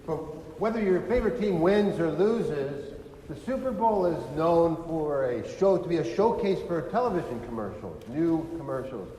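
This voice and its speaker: A man's voice: fairly high pitch, animated, normal speed, warm tone, slight background noise. A man with a California accent giving a Sunday homily as a deacon, conversational and full of rhetorical questions. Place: church. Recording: echoey church with long reverb.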